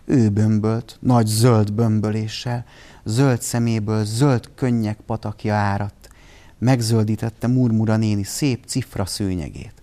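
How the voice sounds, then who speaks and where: A man with a fairly low voice reads a children's tale aloud in an expressive storybook style, giving each character its own voice.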